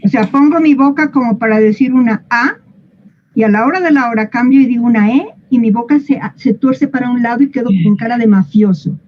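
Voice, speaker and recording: An English teacher with a slightly high voice explains English pronunciation to her class at a fairly quick pace, patient and playful, and puts questions to the students. The audio sounds dull.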